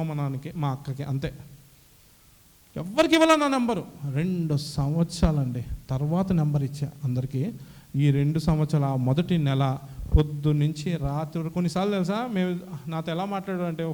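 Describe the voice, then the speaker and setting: High-voiced man giving an emotional church testimony. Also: a little mellow. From Kadapa, Andhra Pradesh. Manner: emotional storytelling, acting out quoted dialogue. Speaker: testimony giver.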